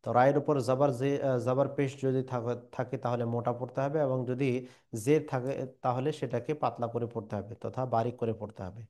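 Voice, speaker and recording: A man teaching a Quran reading lesson, drilling syllables slowly with pauses and fillers. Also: medium pitch, fairly even intonation, a little mellow. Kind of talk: recitation lesson.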